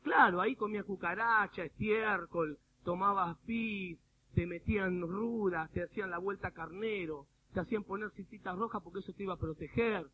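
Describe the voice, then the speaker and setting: A man with an Argentine accent preaches with animated humor, throwing in mimicked voices. His voice sits high for a man. The sound is thin and phone-like, as if from a radio broadcast, with a faint hiss underneath. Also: moderate pace. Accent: Argentine Spanish. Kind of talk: sermon.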